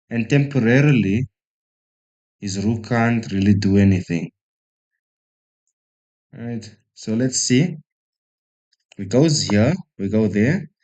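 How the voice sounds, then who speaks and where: A South African man with a medium-pitched, darkish voice streams chess. He thinks aloud and chats casually with viewers, poking fun at himself in this relaxed live-stream commentary.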